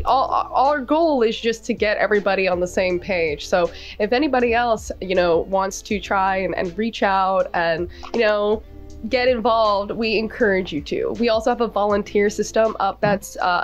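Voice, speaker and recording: A woman, an event's PR representative, chatting in a casual interview over a video call, friendly and full of "like" and "you know". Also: mid-range voice. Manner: chatty, filler-heavy, friendly. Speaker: PR ambassador of an event team.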